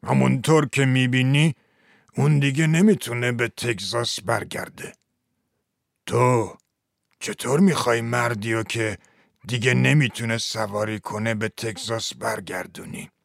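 A man playing a sorrowful, philosophical old chief who speaks slowly and in a fatherly way, in a dramatized story. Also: fairly low pitch, no echo, clean studio sound, natural voice.

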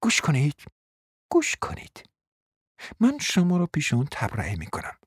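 A woman acting a cunning, flattering mother in a radio play, coaxing and often dropping to a whisper. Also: deep voice, slightly rough, no room sound, studio quality, full character voice. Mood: persuasive. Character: cunning, flattering provincial mother, persuasive and scheming. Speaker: scheming mother.

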